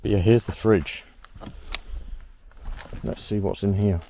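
A man with a low, mellow voice wanders through an old ruin, thinking aloud as he goes. His curious, casual narration drifts from one find to the next. He is recorded outdoors on a handheld camera. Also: fairly even intonation, slow, creaky, a little hiss or hum. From Australia. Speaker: exploration vlogger. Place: outdoors at a ruined house.

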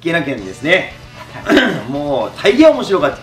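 A middle-aged man chats in a thick Kumamoto accent, joking and teasing as he goes. His voice sits a little high and swings widely. The room echoes, and music plays underneath. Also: huge pitch swings, moderate pace. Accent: Kumamoto dialect. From Kumamoto, Japan. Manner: joking, teasing, laughs often. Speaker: YouTuber host. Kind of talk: casual chat.

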